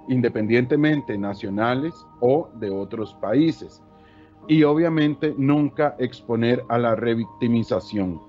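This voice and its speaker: A man's voice: medium pitch, a little mellow, muffled recording. A man with a Costa Rican accent giving an explanatory talk to teachers, often adding tag questions. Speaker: education official giving a talk. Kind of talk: presentation to teachers.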